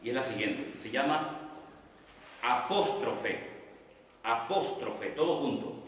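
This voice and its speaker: A man from teaching a Bible study class as pastor, speaking slowly and repeating key terms so his students can note them down. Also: mid-range voice, a little hiss or hum. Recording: echoey hall, voice from far off the mic.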